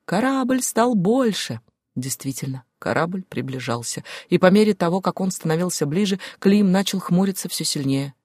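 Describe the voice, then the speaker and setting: A woman's voice: fairly low pitch, a little fast, hardly any pauses, a little mellow, breathy edge, no echo. Woman narrating an audiobook, dry. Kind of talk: scripted first-person narration.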